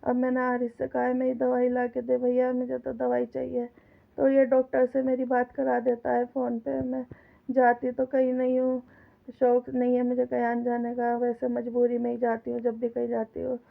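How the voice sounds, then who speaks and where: A middle-aged woman vlogs from her home kitchen, cooking and talking straight to viewers in a chatty, complaining way, hampered by a cough and sore throat. Her voice is a little high, creaky and monotone, at a normal speed. The phone footage sounds tinny.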